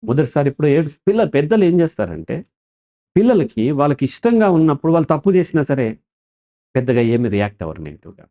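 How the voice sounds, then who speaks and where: A man's voice: fairly high pitch, fast, dull audio. A man speaking as a counselor in an interview, in an explanatory tone, who often asks a question and then answers it himself. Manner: animated, asks and answers his own questions. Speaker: counselor guest.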